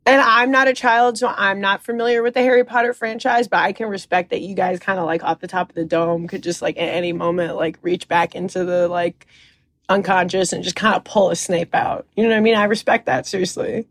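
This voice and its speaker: A woman's voice: medium pitch, steady tone, a little fast, fairly bright tone. A woman co-hosting a comedy podcast, rambling through improv banter with lots of fillers and laughter.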